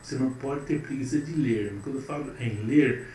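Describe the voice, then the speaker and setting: A man's voice: medium pitch, mellow. A man teaching a grammar lesson, repeating words and checking in with his students. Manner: slow, emphatic, repeats words and asks "certo?". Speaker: Portuguese teacher. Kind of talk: classroom lesson. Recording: echoey, distant mic with faint noise.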